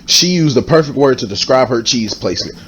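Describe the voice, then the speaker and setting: A man's voice: mid-range voice, animated, brisk, fairly bright tone, dull audio, a little hiss or hum. Mock-outraged man doing comedic reaction commentary. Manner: mock-outraged, profane, emphatic.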